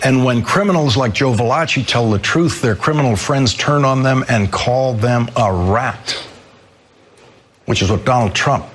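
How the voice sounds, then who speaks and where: A man in his sixties hosting a news program, delivering a measured, emphatic commentary monologue. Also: mid-range voice, fairly bright tone. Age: 60s. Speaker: news host.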